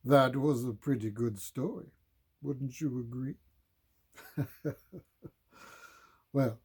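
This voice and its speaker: A man's voice: medium pitch, darkish tone, breathy edge. A man playing a kindly, playful old Santa Claus, reading a storybook aloud in a jolly, theatrical way with chatty asides. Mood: warm, playful. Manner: jolly, chuckling, theatrical, unhurried.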